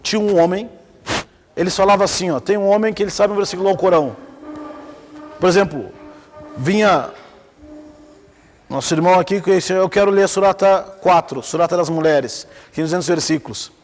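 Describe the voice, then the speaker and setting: A man's voice: high voice, a little fast, long pauses, long reverb tail. A man with a Brazilian accent giving an informal lecture on Islamic theology, telling stories with energy and asking the class questions. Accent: Brazilian Portuguese. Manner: lively storytelling, asks the class questions.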